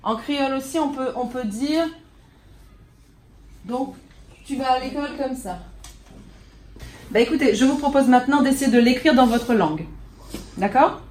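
A woman's voice: high-pitched, moderate pace, pauses often, darkish tone, a little hiss or hum. A woman teaching a French class, patient, and checking in with her students often. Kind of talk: classroom lesson. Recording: roomy classroom recorded from a distance.

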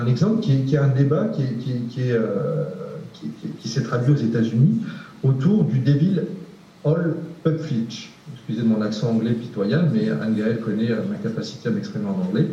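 A man's voice: mid-range voice, a little fast, mellow. A male researcher answering a question in a panel discussion, hesitant, with many fillers and repeated words. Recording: distant, echoey, dull room recording.

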